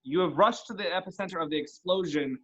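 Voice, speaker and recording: A man's voice: high-pitched, fast talker, bright, forceful tone, lo-fi sound. A man narrating as dungeon master in a casual, rambling way, often restarting his phrases. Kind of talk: narrating a tabletop game.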